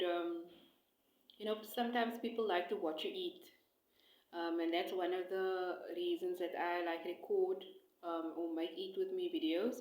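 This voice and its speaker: Female eat-along vlogger, lowish pitch, unscripted hesitant chat, echo-heavy room on a phone mic. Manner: hesitant, rambling, with pauses between short phrases. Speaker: food vlogger and cookbook author. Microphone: phone close by, no attached mic. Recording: echoey room, phone microphone.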